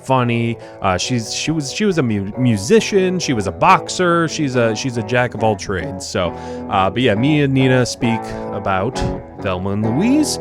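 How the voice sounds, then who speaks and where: With music playing in the background, a podcast host in his Tampa home studio speaks in a sing-song, medium-pitched voice. His casual interview chat is halting, packed with fillers and frequent restarts.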